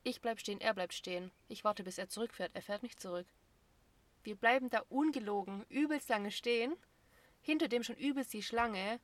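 A woman's voice: on the high side, moderate pace, no echo. A young woman in casual chat, blunt and emphatic as she tells stories.

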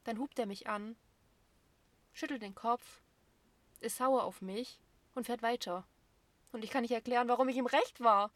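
A woman's voice: a little high, moderate pace, pauses often, a bit bright, dry recording. Blunt, emphatic young woman. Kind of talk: casual chat.

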